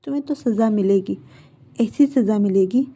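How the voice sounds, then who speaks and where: A woman voicing a stern mother who turns into a cold avenger, speaking low and slow. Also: highs cut off, natural voice. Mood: menacing, hushed. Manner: low, slow and quiet, often whispered.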